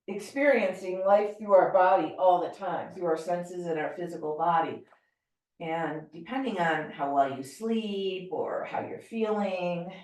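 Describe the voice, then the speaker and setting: A middle-aged American woman leading a yoga class, calmly and gently cueing breath and movement. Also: fairly low pitch. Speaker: yoga teacher. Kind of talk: guided yoga class instruction. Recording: very echoey room, voice from far off.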